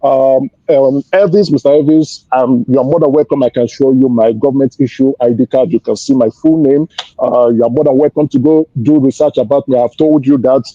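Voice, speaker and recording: A Nigerian man speaking as a panelist in a political debate, self-assured but often pausing and repeating his words. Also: medium pitch, steady tone, dark tone. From Lagos, Nigeria. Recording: muffled, echoey online audio.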